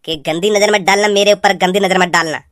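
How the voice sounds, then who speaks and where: A woman's voice: mid-range voice, fairly even intonation, quick pace, a bit bright, dry recording, clean studio sound, natural voice. A woman voicing a rude, mocking young village man in a Hindi cartoon comedy, with blunt, sneering, rustic speech.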